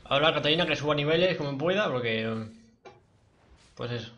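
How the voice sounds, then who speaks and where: A man giving live gameplay commentary, excitable and swearing a lot as he talks to his teammates. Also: a little high, brisk, muffled recording, a little hiss or hum. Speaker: livestreaming gamer.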